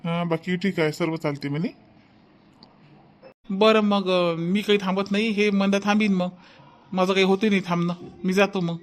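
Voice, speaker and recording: A man's voice: sits high, fairly even intonation, moderate pace, pauses often. A man voicing an uncle and doctor in a cartoon who soothes a crying child and gives instructions. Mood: explaining. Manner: soothing, coaxing, then instructive. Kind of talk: cartoon voice acting.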